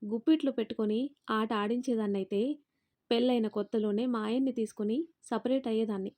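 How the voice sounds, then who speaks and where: A woman storyteller voices a defiant young daughter-in-law, firm and confrontational, her voice raised. The pitch is fairly high and the tone mellow and steady, delivered briskly in a natural voice.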